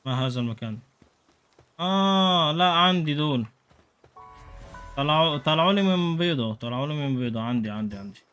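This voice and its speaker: Excitable Egyptian man playing a game. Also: on the high side, fairly quick, clean tone, faint music behind. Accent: Egyptian Arabic. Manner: joking, excitable, talks to the game. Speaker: gaming YouTuber. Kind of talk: let's play commentary.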